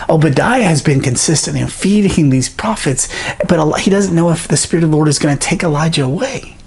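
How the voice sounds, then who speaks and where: A preacher giving a sermon, retelling a Bible story in an animated way with pauses. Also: medium pitch.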